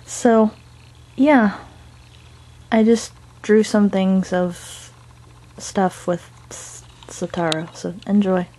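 In a poor-quality recording, a woman with a mellow, medium-pitched voice talks extremely slowly and pauses often. She's an amateur comic dubber and artist presenting her own comic dub, rambling casually over her drawings in a goofy, playful way and interrupting herself as she goes.

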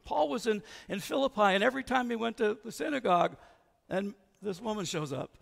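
A man preaching to his congregation in a high, gravelly voice, talking with them rather than at them and asking them questions. His words ring with a long reverb through the church sanctuary. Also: animated, a little fast. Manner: conversational, asks the congregation questions. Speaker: pastor. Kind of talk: sermon.

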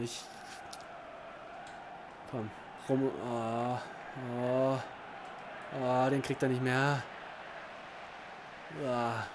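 A man commentating his own football video game match, excitable, swinging from low muttering to shouting. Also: noisy background. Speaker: gaming commentator. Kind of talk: live Let's Play commentary.

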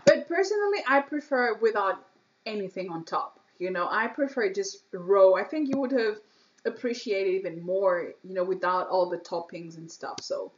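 A woman's voice: medium pitch, normal speed, muffled recording. A woman with a Kenyan accent giving casual, effusive vlog commentary and explaining street food as a guide.

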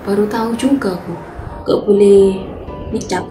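A woman's voice: mid-range voice, moderate pace. A woman in her twenties with a Javanese accent, chatting casually as a vlogger while reading viewer comments, cutesy and a bit defensive. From Central Java, Indonesia. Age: 20s. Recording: echoey room, faint music behind.

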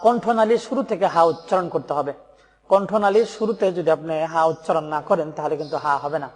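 A man with a Bangladeshi Bengali accent teaching Quran pronunciation, patiently repeating letter names slowly for learners. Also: sits high, big-room sound. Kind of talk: step-by-step pronunciation lesson.

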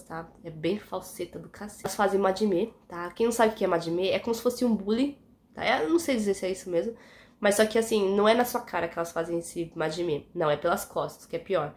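Fast-talking indignant Brazilian woman. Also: mid-range voice, a little mellow. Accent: Brazilian Portuguese. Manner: chatty, indignant, frequent "tá?" asides. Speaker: vlogger. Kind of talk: casual storytelling vlog.

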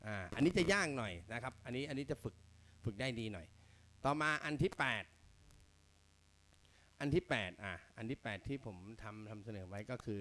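A man teaching a casual bass lesson, talking loosely and counting beats aloud between the bits he plays. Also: lively intonation, moderate pace, long pauses, noisy background. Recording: loud bass playing behind. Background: bass guitar.

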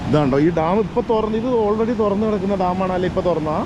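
Excitable man vlogging in mix, noisy outdoors. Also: sits high, highs cut off. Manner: Malayalam mixed with casual English words; excitable, exclaiming, chatty with bystanders. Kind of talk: casual on-location fishing vlog. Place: outdoors at a dam. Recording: noisy outdoor recording with rushing water.

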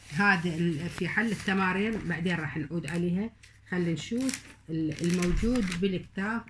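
Teacher, woman, lowish voice, patient repetition of examples. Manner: slow, deliberate, repeats example words. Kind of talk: recorded online grammar lesson.

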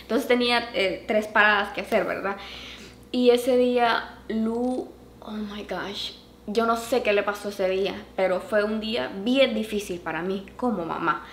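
A woman vlogger and mother telling a story casually to her viewers, animated, with a higher pitch whenever she acts out what others said. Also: unhurried. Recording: echoey room with faint background noise.

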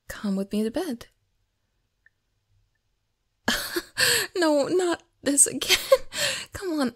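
In an ASMR audio roleplay, a female voice actor plays a flirty, teasing adult best friend who coaxes with confidence. Her slightly high voice is breathy and soft, often close to a whisper, and she speaks slowly and intimately with frequent soft giggles. It's a full character performance with a dry, studio-quality recording.

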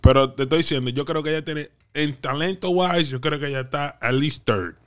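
A man's voice: on the high side, a little fast, smooth. A man co-hosting a casual podcast, setting up the topic, switching between Spanish and English and finishing his partner's sentences. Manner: leads the segment, interjects and finishes the other's sentences. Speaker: podcast co-host.

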